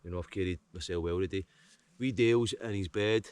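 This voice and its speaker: Sitting outdoors by a campfire on a wooded shore, a man from Scotland vlogs casually, relaxed and talkative though worn out from a tough hike. He speaks briskly in a low, clear, resonant voice that's a little mellow.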